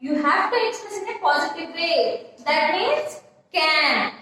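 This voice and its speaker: Her voice is extremely high and bright, forceful, with lively intonation and a measured pace, as she gives an English grammar lesson. She goes over points again, spells words letter by letter and keeps asking "yes?". The recording is echoey, with her voice distant.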